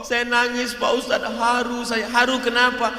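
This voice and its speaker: A man voicing a tearful middle-aged mother who talks in a high, quavering, pleading way. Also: monotone, moderate pace, bright, forceful tone, heavily acted. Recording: echoey hall.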